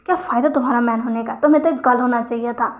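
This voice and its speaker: Sarcastic bossy older brother, read by a woman, blunt, teasing, high voice. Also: fairly even intonation, very fast, close to an everyday voice. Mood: mocking.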